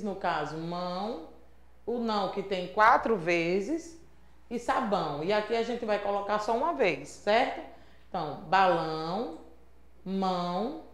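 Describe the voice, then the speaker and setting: A woman from Brazil with a Sergipe accent teaching a remote lesson to young children, prompting patiently and checking in often. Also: medium pitch. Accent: Sergipe Brazilian Portuguese. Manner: patient, sing-song teacherly prompting with frequent checks like "certo?". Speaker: primary school teacher. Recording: echoey room.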